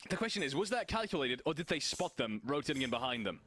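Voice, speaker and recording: Fast-talking male esports analyst. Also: medium pitch, big pitch swings, fairly bright tone, no echo. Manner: analytical, restarts and repeats words while thinking. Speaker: esports caster. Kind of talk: live esports color commentary.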